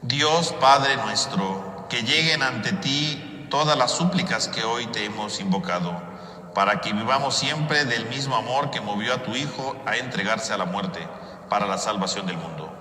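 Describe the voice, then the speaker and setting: A man's voice: medium pitch, measured pace, pushed and bright. A man preaching at Mass as a priest, often adding "¿verdad?", heard with a cathedral echo. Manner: preaching with frequent "¿verdad?" tags. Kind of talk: homily and prayers at Mass. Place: large church. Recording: echoey church with long reverb.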